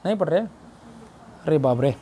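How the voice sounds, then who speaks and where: A man's voice: a little high, animated, takes it slowly, dark tone, slightly rough. Man preaching with call-and-response. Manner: call-and-response preaching, repeats phrases, quizzes the congregation. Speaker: pastor. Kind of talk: Good Friday sermon. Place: church service.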